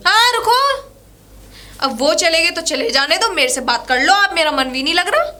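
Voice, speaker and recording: A woman playing a high teasing village housewife. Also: lively intonation, moderate pace, sharp tone, heavily acted. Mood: coaxing. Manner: teasing, laughs along. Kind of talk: village comedy film acting.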